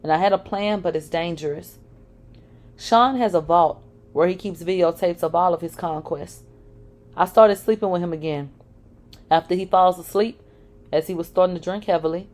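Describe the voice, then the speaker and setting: A woman's voice: lowish voice, darkish tone. A woman reading a dramatic first-person story aloud, emotional and blunt, with swearing. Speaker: narrator.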